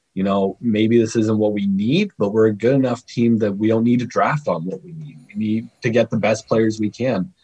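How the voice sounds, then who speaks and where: A man as the guest on a podcast interview, chatty and animated, laughing often while he talks through his opinions. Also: on the low side, slightly rough, low-quality recording. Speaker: scouting guest.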